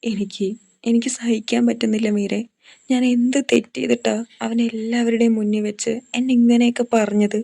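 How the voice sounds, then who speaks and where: A woman's voice: medium pitch, steady tone, normal speed, gravelly, a little mellow, dry recording, pitched above the performer's own voice. A woman voicing a distressed young woman teacher who is crying and speaks in choked, faltering words. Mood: distraught.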